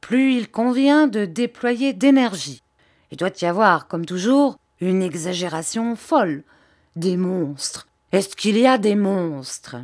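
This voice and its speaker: An urgent, commanding police prefect barks orders and rallies his men, as a woman reads him aloud. The delivery is slow and deliberate, rising in pitch and volume on each exclamation. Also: expressive, a little mellow.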